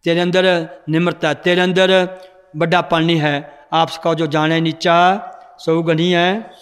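A serene holy teacher, played by a male storyteller speaks slowly and consolingly. The voice is high, smooth and resonant. A long reverb fills the hall behind him. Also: flat delivery. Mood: gentle. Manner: slow, gentle, consoling.

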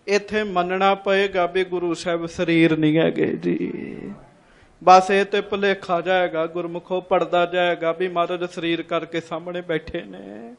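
High-voiced man preaching a sermon. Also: gravelly. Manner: repeats lines, asks the congregation questions; calls the congregation to respond. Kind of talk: sermon storytelling.

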